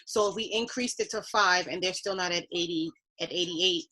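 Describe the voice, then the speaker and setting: A woman's voice: on the low side, normal speed, sharp tone, low-quality recording. A woman, a nursing student, talking through her reasoning on a video call with clarifying questions. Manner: thoughtful, asks clarifying questions. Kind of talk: class discussion.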